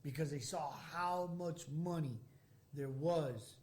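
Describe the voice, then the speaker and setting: A man with a fairly high voice chats casually. He explains and tells stories in a loose, informal way, with slang. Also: slow, darkish tone. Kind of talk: casual chat, storytelling.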